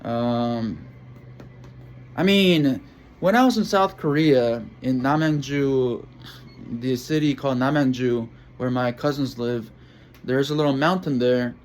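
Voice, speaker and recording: A man vlogging in a casual monologue to camera, halting and rambling as he searches for words. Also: medium pitch, a little hiss or hum.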